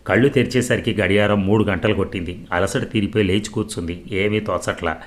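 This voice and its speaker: A man narrating a novel as storyteller, in a steady, measured reading. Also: on the low side.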